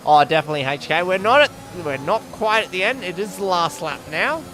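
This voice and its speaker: A man's voice: sits high, lively intonation, brisk, background noise. A man giving casual, rambling live commentary on a sim race, often correcting himself.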